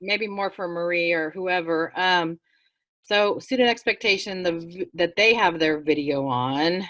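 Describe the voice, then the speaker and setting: A woman's voice: fairly low pitch, a little slow, a bit bright. A woman instructor on a video call asking earnest, practical questions about classroom expectations.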